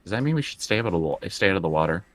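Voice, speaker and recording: During tabletop roleplay, a man speaks in character at a racing clip, his low-pitched voice very animated. The talk is conversational and improvised, and he hesitates and repeats words a lot.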